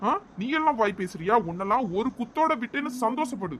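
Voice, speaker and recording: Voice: mid-range voice, expressive, quick pace, slight background noise, natural voice. Cartoon role: brave young college guy, protective, mid-range voice, acted by a voice performer. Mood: scolding. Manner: scolding and boastful, then gentle and reassuring. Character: bold young college man, protective hero. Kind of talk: cartoon voice acting.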